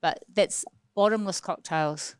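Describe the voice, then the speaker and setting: An Australian woman, a singer and actress, chats enthusiastically as a guest on a radio talk show in a radio studio, full of fillers in a casual interview. Her voice is on the low side, unhurried, clear and resonant, in a dry, studio-quality recording.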